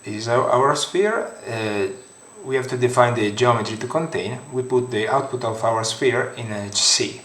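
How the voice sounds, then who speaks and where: A man with an Italian accent, a native Italian speaker, guiding a screen-recorded software tutorial in halting English with many fillers. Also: medium pitch. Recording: roomy echoey home room.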